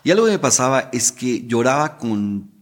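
A man's voice: mid-range voice, big pitch swings, normal speed. A middle-aged man, a guest telling his story in an emotional way, repeating words and adding tag questions. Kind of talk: storytelling interview talk.

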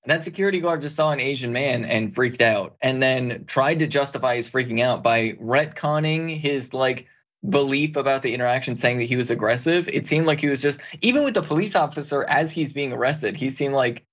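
Man, co-host, earnest casual talk, mid pitch, slightly muffled. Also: a little fast, fairly bright tone. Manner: earnest, heavy use of "like". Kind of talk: casual political commentary.

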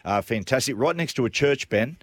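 A man's voice: mid-range voice, expressive, a little fast, no room sound, clean studio sound. An Australian man hosting a jokey, casual sports radio show, stopping and restarting phrases in an exclamatory way. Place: radio studio.

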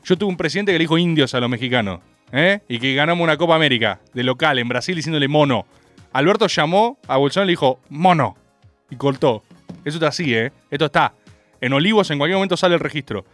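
A young man with a Rioplatense Argentine accent talks in a raised voice that swings widely in pitch as he riffs ironically on politics. He rambles from one joke to the next and laughs at his own lines. His voice sits dry and close to the mic, with faint music underneath. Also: expressive, fast talker, a bit bright, no echo. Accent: Rioplatense Spanish. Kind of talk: comic political monologue.

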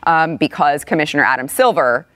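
An upbeat woman co-hosting a studio talk show, her voice bouncing through a wide pitch range. She keeps things moving and laughs easily. The sound is dry and close to the mic. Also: lively intonation, a little fast, fairly bright tone, dry recording. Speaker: co-host. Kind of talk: casual studio banter.

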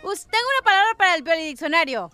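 A woman's voice: very high voice, expressive, very fast, bright, forceful tone, faint music behind. A woman co-hosting a radio show, playful and cheering along with the jokes. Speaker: radio co-host.

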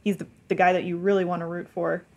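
A woman's voice: on the low side, flat delivery, quick pace, vocal fry, darkish tone. A woman hosting a casual film chat, leading the segments with enthusiasm. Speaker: podcast host.

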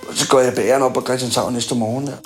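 A man's voice: mid-range voice, steady tone, soft background music. A man telling a rambling, slangy anecdote in a casual way. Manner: rambling, chatty, with crude slang. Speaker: storyteller.

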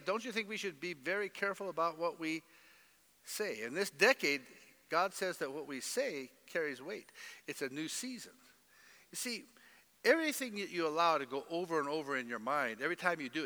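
A man's voice: on the high side, expressive, a little fast, bright, forceful tone, big-room sound. A middle-aged man preaching a sermon in a church, emphatic, with mimicked voices. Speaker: pastor.

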